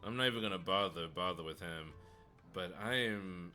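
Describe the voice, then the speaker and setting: A man's voice: deep voice, moderate pace, pushed and bright. A man giving casual commentary as he streams a game, thinking aloud. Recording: game music behind the voice. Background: music.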